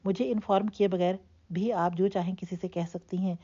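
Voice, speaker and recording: A woman voicing a confident young husband who speaks calmly and mockingly, in a dull lo-fi recording. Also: medium pitch, slightly rough, close to an everyday voice. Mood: cold calm. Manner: calm, assured, mocking. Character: confident teasing young husband, cool and unyielding. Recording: dull lo-fi audio.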